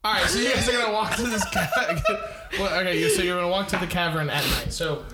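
High-voiced American man running a tabletop game, echoey. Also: fairly quick. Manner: slangy, profane. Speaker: game master. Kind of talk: casual tabletop game narration. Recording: echoey room, noisy background.

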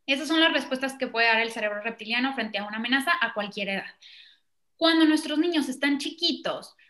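A woman explaining child tantrums in an animated way, acting out children and parents in quoted voices. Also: sits high, brisk. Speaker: parenting expert. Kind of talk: explanatory conversation.

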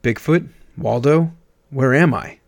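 A man's voice: mid-range voice, fairly quick, creaky, soft background music, lightly acted. A man voicing a bewildered young man who stammers and asks flustered questions in a storybook reading. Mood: confused.

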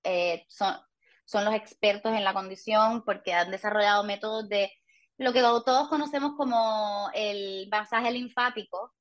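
A woman's voice: mid-range voice, steady tone, a little slow, muffled recording. A woman in her thirties with a Puerto Rican Spanish accent, talking candidly as a podcast guest with light self-mocking humor. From Puerto Rico. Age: 30s. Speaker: guest, patient. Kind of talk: casual podcast interview.

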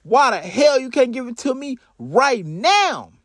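A man plays a short-fused young guy who rants in a raised, strained voice. He curses and makes loud demands. The sound is dry and close-miked. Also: very high-pitched, big pitch swings, unhurried, no echo, voice pushed up, heavily acted. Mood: confronting. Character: hot-tempered young man, angry over a late package.

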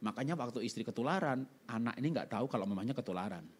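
A middle-aged man preaching a sermon testimony, telling his story with animated swings from loud outbursts to hushed pleading. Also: medium pitch, racing, a little hiss or hum.

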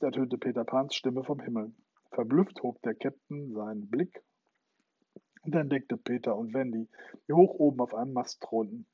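Husky male storyteller, lo-fi. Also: medium pitch, mellow, dry recording. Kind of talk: scripted narration of a children's story. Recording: dull lo-fi recording.

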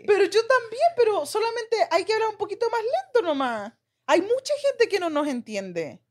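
A woman co-hosting a podcast in casual chat, speaking in a measured, teasing way and laughing often. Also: very high voice, big pitch swings, darkish tone. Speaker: podcast co-host.

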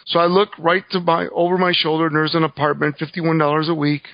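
A man's voice: on the high side, flat delivery, fast, no echo. Cuban-born man telling his story. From Cuba. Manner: earnest storytelling with fillers. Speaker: guest speaker. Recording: dull, dry recording.

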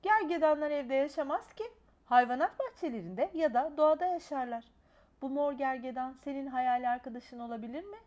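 A woman's voice: high-pitched, expressive, darkish tone, highs cut off. A woman voicing a busy mother who soothes her daughter in a mildly dismissive way. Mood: soothing. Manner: soothing, hurried, patronizing.

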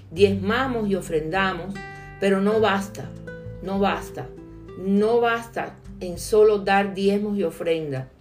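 A woman's voice: medium pitch, vocal fry, a little mellow. A woman giving an earnest devotional sermon, reading scripture and asking the listener direct questions. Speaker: preacher.

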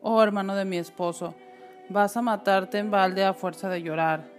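A woman voicing a poor, trusting widowed mother who speaks gently and consolingly. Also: mid-range voice, fairly even intonation, moderate pace, faint music behind, natural voice.

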